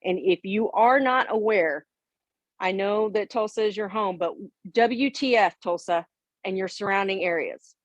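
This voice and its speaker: A woman's voice: medium pitch, unhurried, dry recording, dull audio. Impassioned woman co-host, close and dry. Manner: impassioned, urging listeners to act. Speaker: victims' advocate podcast co-host. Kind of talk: casual podcast discussion.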